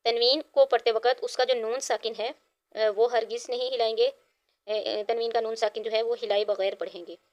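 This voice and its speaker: A woman's voice: on the high side, little pitch movement, brisk. A woman Quran teacher with a Pakistani Urdu accent, giving a recitation lesson: she spells out syllables one by one with care, then explains the rules.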